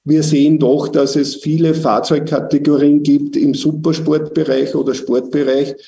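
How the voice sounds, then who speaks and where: A man, a company executive giving measured, technical answers in a business interview. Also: a little high, level tone, creaky, mellow, reverberant, far from the mic.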